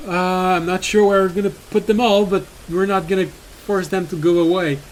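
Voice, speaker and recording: A man voicing a frazzled male priest, hurried and flustered as he urges people inside. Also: high voice, steady tone, slight background noise, voice pushed up, natural voice, poor audio.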